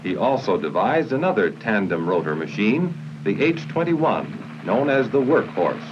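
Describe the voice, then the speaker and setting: On a noisy, muffled vintage soundtrack, an American man narrates a 1950s military training film formally and at a measured pace. His voice is on the low side with a sing-song lilt.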